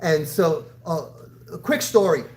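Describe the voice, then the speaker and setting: A man's voice: a little high, lively intonation, a little slow. A man in his sixties, a karate instructor, talking to his class in an encouraging, direct coaching style. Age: 60s. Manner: encouraging, addressing students directly. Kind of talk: live fitness class coaching and motivational talk.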